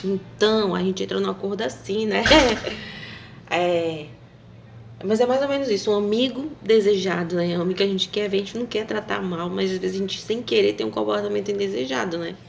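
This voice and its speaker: A woman's voice: mid-range voice, fairly quick, vocal fry, a little hiss or hum. A woman talking casually to camera, rambling and hesitant, with many fillers and tag questions. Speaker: vlogger.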